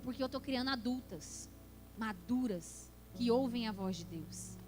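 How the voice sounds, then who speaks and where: A woman pastor delivers a passionate sermon in a church. Her voice is high, and she pushes to emphatic peaks. Worship music plays clearly under her words. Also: unhurried.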